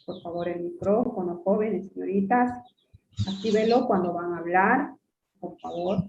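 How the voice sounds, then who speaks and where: A woman's voice: lowish voice, moderate pace, background noise. A woman teacher giving an online class, explaining patiently, repeating her points and calling her students "jóvenes". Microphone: computer mic on a video call. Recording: echoey, phone-like video call audio.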